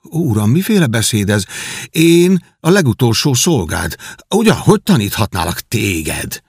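A man's voice: mid-range voice, very animated, husky, no echo, studio quality. A man voicing a humble, devoted young whipping boy who speaks in an earnest, imploring way. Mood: pleading.

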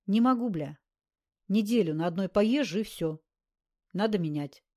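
A woman voicing a surly, crude male thug who mutters gruffly. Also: medium pitch, expressive, normal speed, warm tone, close to an everyday voice. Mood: sullen.

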